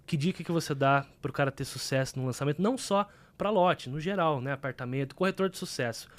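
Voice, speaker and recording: A man's voice: on the high side, fast. A Brazilian man speaking as the host of a casual podcast interview, in conversational Portuguese. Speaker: podcast host and real-estate broker.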